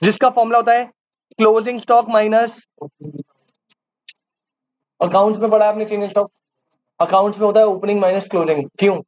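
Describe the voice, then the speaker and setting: A man's voice: high-pitched, steady tone, brisk, pauses often, a little mellow. A man teaching commerce to a live class. He keeps quizzing the students and repeats the key terms back to them. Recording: dull lo-fi audio with faint hiss.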